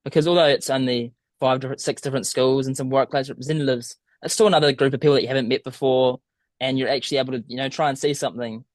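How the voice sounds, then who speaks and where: Racing through his answers, this young podcast guest has a broad southern New Zealand accent from his small hometown and is now a student abroad. His mid-range voice stays fairly even in pitch, the recording is dry, and his informal manner is slightly hesitant.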